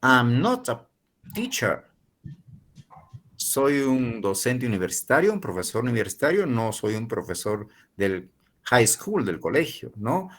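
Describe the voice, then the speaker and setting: A forty-something professor from Peru leads an English class online, explaining in Spanish and carefully repeating sample phrases at a slow pace. He has a mid-range, slightly bright voice with a sing-song quality.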